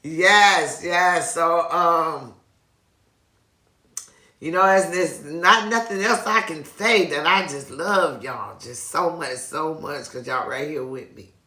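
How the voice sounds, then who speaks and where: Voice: medium pitch, takes it slowly, sharp tone. A person chatting casually and effusively to viewers as a video host, often repeating phrases. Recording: echoey room.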